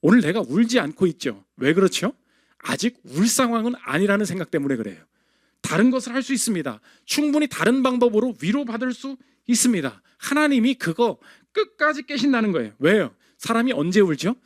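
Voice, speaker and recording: A man preaching in a church, his voice high and swinging widely up and down. He fires off rhetorical questions and answers each one at once. The sound is close and dry, with almost no room echo. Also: very animated, fairly quick. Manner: emphatic rhetorical questions, answers them himself. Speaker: pastor. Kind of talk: sermon. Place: church sanctuary.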